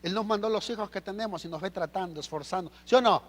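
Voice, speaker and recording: A Mexican man preaching a sermon as pastor, animated and full of rhetorical questions. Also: high voice, quick pace, big-room sound. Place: church hall.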